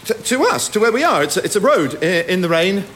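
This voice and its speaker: An actor playing a nervous, stammering young pilot in a radio sitcom. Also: male voice, high voice, very animated, fast talker, noisy background. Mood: flustered. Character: timid, flustered young male pilot.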